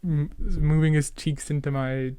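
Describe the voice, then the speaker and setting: Heard with no echo, a young Canadian man of late teens or young adulthood talks unhurriedly on his solo podcast, his fairly high voice steady, dark, and smooth. The casual chat wanders through memories, peppered with slang and self-interruptions.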